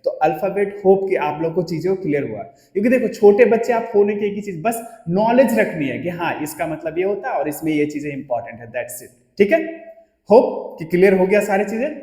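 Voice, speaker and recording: A man teaching a French class, drilling the alphabet slowly for students to repeat. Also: high-pitched, expressive, dark tone. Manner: drills letters aloud, slow call-and-repeat recitation. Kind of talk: classroom lesson. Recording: echoey, reverberant classroom.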